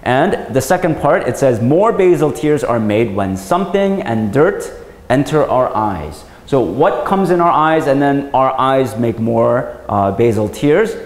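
A man's voice: medium pitch, animated, measured pace. A man giving a patient science lesson for children, checking often with "right?" as he explains. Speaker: English teacher. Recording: roomy recording with long reverb.

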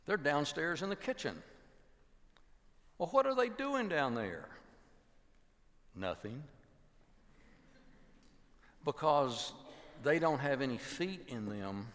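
An older man preaching a sermon in a church, telling stories and acting out the voices of the people in them. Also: a little high. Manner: animated storytelling, acting out voices in quotes, dropping to a hushed voice. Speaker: pastor. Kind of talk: sermon with storytelling. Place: large church sanctuary with choir behind. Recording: long hall reverb.

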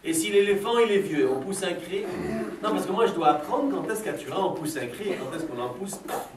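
In a school classroom, a middle-aged philosophy workshop leader questions a class of children Socratically, his queries playful, probing and teasing. His voice sits high and is expressive and brisk, with a crowd audible behind him. The sound is roomy and far off, with faint background noise.

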